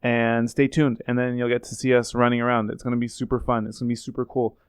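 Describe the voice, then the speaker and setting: A man with a smooth, clear voice wraps up his video in a playful, joking way. The recording is dry and close, with no room sound. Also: medium pitch, little pitch movement, fast talker, no room sound. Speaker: vlogger. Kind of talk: casual chat.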